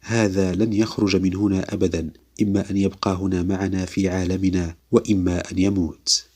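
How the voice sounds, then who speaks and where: A towering male jinn speaks harshly and threateningly in a storybook tale. A man reads him in his own very low, husky voice. The tone stays hard throughout. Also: level tone, brisk, darkish tone. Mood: angry. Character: huge angry male jinn with yellow eyes.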